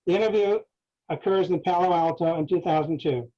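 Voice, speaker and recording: A man, the author, reading aloud from his memoir in a measured way, with asides to listeners. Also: high-pitched. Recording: dull lo-fi recording.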